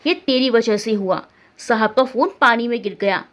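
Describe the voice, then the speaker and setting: A woman's voice: fairly high pitch, normal speed, natural voice. A woman playing a sly, whiny young woman. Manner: whiny, fake-apologetic. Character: sly young woman feigning tearful apology.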